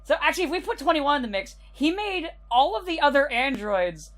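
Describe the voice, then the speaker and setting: Animated, swearing woman gaming commentator. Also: high-pitched, a little fast, a little hiss or hum. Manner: animated, swears freely, mimics characters. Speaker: let's play commentator. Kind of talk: casual gaming chat.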